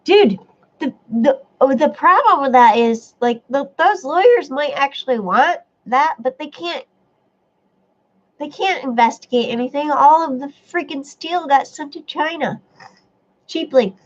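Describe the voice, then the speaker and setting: This casual livestream features a stuffy-nosed woman reading viewers' comments aloud and talking back to them. She has a high, expressive voice at a measured pace, heard through dull lo-fi stream audio.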